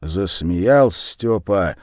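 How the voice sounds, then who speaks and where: A man narrating a fairy tale in a slow, lively storytelling manner. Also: sits low, no room sound, clean studio sound.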